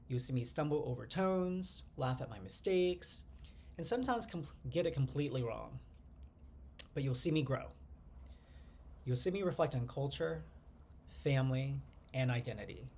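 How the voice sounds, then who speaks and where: A man in his forties from the United States, speaking to the camera in a measured, earnest personal monologue as the channel's host. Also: medium pitch, creaky, darkish tone, slight background noise. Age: 40s. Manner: earnest, measured delivery in short phrases, glancing at notes.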